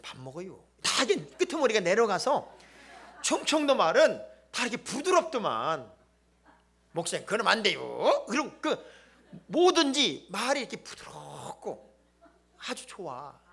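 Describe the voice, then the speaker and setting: A male pastor delivers a lively sermon in a bright, high voice that leaps up and down in pitch. He jokes with the congregation, booms out his key points and drops to near-whispers for asides. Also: breathy edge. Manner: animated, joking and emphatic, swings between loud exclamations and hushed asides. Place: church sanctuary.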